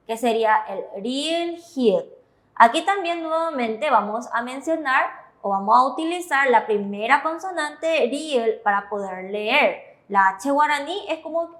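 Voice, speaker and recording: A woman teaching Korean syllables, explaining slowly and checking understanding as she goes. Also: on the high side, fairly bright tone. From Paraguay. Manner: slow, careful, checks understanding with "¿verdad?". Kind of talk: classroom explanation.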